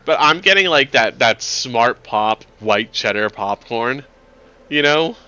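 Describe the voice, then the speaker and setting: A man's voice: medium pitch, expressive, takes it slowly, sharp tone, clean tone, lo-fi sound. A man running a tabletop game as game master, talking in a rambling, chatty way and laughing often.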